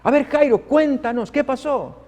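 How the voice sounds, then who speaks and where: A man voicing excited relatives who press the father with questions. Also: very high voice, normal speed, in a large hall, voice pushed up.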